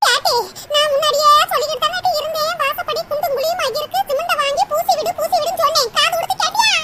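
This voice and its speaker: A voice doing a shrill nagging village mother. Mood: scolding. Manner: shrill, nagging, quick scolding. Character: scolding older village mother, sharp-tongued. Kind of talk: cartoon voice acting. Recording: loud background noise.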